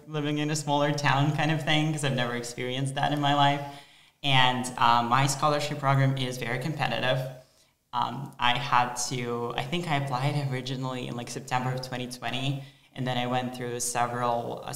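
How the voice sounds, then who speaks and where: A teenage boy from Ukraine talks, eager and articulate. His voice has a gravelly edge. The desk mic picks up some room echo in a small studio. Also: mid-range voice, a bit bright. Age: teens. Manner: eager, articulate, laughs often. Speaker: exchange student guest. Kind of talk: casual interview answers. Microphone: desk mic with headphones.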